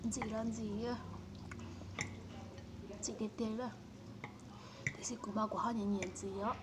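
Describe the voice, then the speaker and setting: A woman's voice: mid-range voice, fairly even intonation, unhurried. A woman telling a story in a casual, conversational way, often repeating her phrases. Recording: loud background noise.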